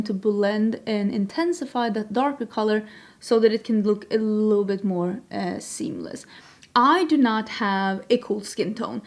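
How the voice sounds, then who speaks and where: This Swedish beauty vlogger speaks in a mid-range, slightly mellow voice. She's young, a native Swedish speaker, and keeps up relaxed, self-deprecating chatter as she applies makeup for the camera in a tutorial.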